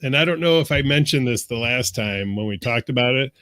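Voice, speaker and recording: Joking man with a lively voice. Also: mid-range voice, fairly quick, dry recording, clean studio sound. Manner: joking, laughs a lot, crude teasing. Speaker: co-host. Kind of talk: casual banter on a podcast. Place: home basement studio.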